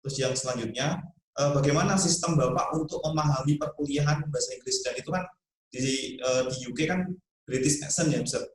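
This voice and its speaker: A man hosting a question-and-answer talk, reading out viewer questions and affirming his guest briskly. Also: mid-range voice, very echoey, poor audio. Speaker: host.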